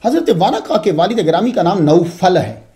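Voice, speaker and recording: Animated, high-voiced man lecturing on history. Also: normal speed. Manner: expressive, digressive storytelling with asides. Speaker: religious lecturer.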